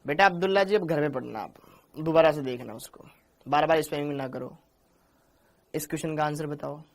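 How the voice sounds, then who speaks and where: A man's voice: fairly high pitch, fairly quick. A man teaching chemistry in a live online class, chatty and repetitive, calling his students beta and praising them by name. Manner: chatty, calls students beta, repeats answers.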